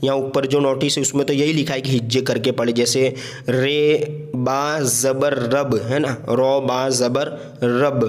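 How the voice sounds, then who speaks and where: A man teaching beginners to read, spelling out letters slowly and patiently, often checking in with his listeners. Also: mid-range voice. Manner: patient, slow letter-by-letter drilling with frequent "theek hai"; religious phrases woven into teaching. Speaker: Urdu reading teacher. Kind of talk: spoken lesson, spelling out letters.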